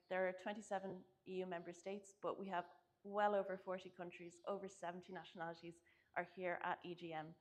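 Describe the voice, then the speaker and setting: A young woman from Ireland, giving a presentation about her research in an earnest, casual way, often saying "kind of" and "like". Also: mid-range voice. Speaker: conference speaker. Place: conference hall.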